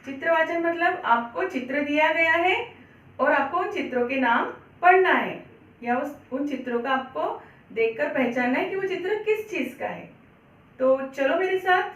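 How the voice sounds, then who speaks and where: A woman's voice: sits high, fairly bright tone, reverberant, far from the mic, rough recording. A woman teaching a Hindi class to young children, patiently spelling out words, asking questions and answering them herself. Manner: patient, repeats words slowly, asks and answers own questions. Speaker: primary school Hindi teacher. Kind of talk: children's online lesson.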